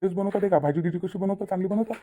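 A woman voicing a cartoon character with rapid, teasing talk. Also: mid-range voice, dark tone. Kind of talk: Marathi cartoon voice acting.

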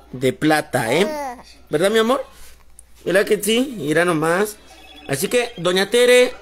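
A man with a Mexican Spanish accent hosting a casual livestream, reading out greetings to followers and talking tenderly to his baby. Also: high-pitched. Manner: affectionate baby talk mixed with shout-outs. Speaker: livestream host. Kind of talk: casual live-stream greetings.

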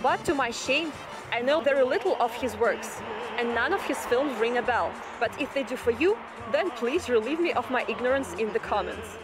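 A woman in her thirties from Russia giving an articulate, measured vlog tour as a guide. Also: on the high side, animated, music in the background. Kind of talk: scripted vlog narration.

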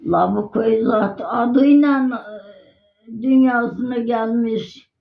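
Older woman, rural Turkish dialect, earthy storyteller, creaky, fairly high voice, echoey recording. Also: slow, phone-quality sound. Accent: rural Turkish, Yörük village dialect. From rural Turkey. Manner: earthy, repeats phrases. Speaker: village elder being interviewed. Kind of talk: informal oral storytelling.

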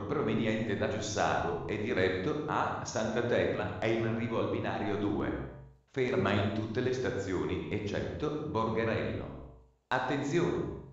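A man's lowish voice booms through a station loudspeaker, making formal announcements in measured, clipped official phrasing. He sounds far off, heavily echoing and a little muffled, with faint ambience underneath. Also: a little hiss or hum.

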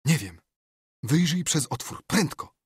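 A man voicing a frightened, excitable young boy in an audiobook, speaking in an urgent, higher whisper. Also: normal speed, husky, no room sound, studio quality. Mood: scared whisper.

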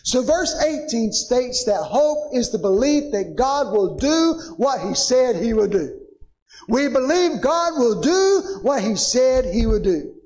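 A pastor preaching a sermon in a church, building to emphatic peaks and calling out "Amen?" to the congregation. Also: male voice, very high voice, big pitch swings, takes it slowly, darkish tone, poor audio. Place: church sanctuary.

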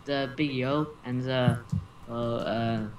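A young man giving excitable, teasing commentary while playing a multiplayer game with friends over a noisy voice-chat recording. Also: mid-range voice, takes it slowly, recorded from a distance. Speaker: gamer.

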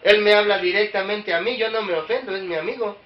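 A man's voice: sits high, quick pace, slight background noise. A man preaching a sermon to a small congregation, questioning listeners directly and rising to emphatic peaks. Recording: echoey room, dull lo-fi sound.

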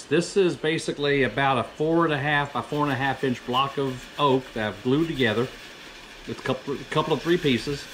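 A man in his fifties, a woodworker presenting his own project, gives a casual, rambling voice-over in a small indoor woodworking workshop and often corrects himself. His voice is medium-pitched and a bit bright. The audio is poor, with slight background noise.

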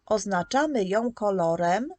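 Slow, patient woman teaching preschoolers. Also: mid-range voice, animated, darkish tone. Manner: patient, clearly articulated, sounding out letters. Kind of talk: slow, scripted lesson narration.

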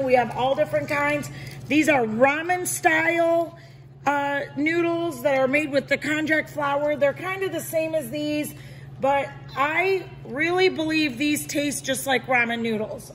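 A shop owner in her forties films herself on a handheld phone at an indoor market stall lined with shelves, giving an enthusiastic, chatty product demo vlog. Her voice sits high, and she keeps saying "okay guys." The echoey market hall carries background noise.

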